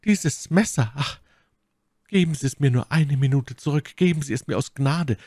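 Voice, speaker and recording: A man's voice: a little high, moderate pace, darkish tone, no room sound, clean studio sound, voice pushed up, close to an everyday voice. A man reading an audiobook, voicing a desperate, scheming young noblewoman prisoner who pleads fervently and theatrically. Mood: pleading.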